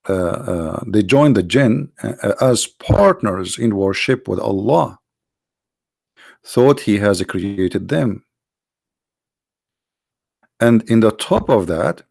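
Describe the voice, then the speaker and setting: Gravelly, tired-voiced man lecturing. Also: fairly low pitch, darkish tone, dry recording, clean studio sound. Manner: emphatic, rhetorical questions, halting restarts. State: tired, strained voice. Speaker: religious apologist. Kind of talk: lecture on scripture.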